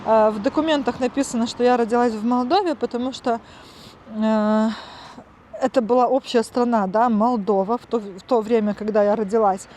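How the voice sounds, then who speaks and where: A woman in her thirties from Transnistria, Moldova, vlogs casually to camera, walking outdoors and at home while explaining things step by step with lots of fillers. Her voice is fairly high and mellow, with fairly even intonation and normal speed, over slight background noise.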